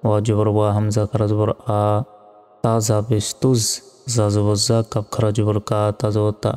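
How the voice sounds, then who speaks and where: A man with a Bangladeshi Bengali accent teaching Quran reading, spelling out each letter slowly and methodically. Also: on the low side, monotone, warm tone. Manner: slow, methodical letter-by-letter spelling with drawn-out recitation. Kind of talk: spelling-out recitation lesson. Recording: long reverb with faint music.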